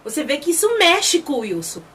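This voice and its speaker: A high-pitched Brazilian woman with a Brazilian Portuguese accent recaps a drama episode in a casual, emotional, animated way. She acts out the characters' lines as she retells the scenes. She sounds a little distant from the mic, with a faint hiss behind her. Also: fairly quick. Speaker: series reviewer.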